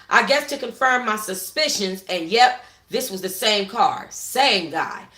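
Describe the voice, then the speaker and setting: A woman with a medium-pitched, sharp voice hosts a book club livestream on her phone from a room at home. She reads aloud expressively and breaks off for informal, slangy asides to viewers, with a roomy echo in the stream's audio.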